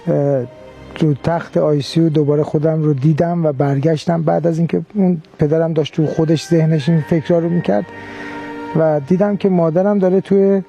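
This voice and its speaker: A man recounting a near-death experience in an interview, hesitant and pausing often. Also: a little high, steady tone, gravelly, dark tone, highs cut off, soft background music. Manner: hesitant, with frequent pauses. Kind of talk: recounting a personal story.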